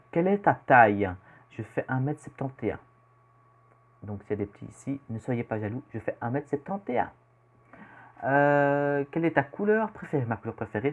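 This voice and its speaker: Lo-fi audio captures a medium-pitched teen boy, a Belgian youtuber whose Belgian French accent colors his casual self-introduction. Answering questions about himself, he wanders from point to point, hesitating often and filling gaps with fillers.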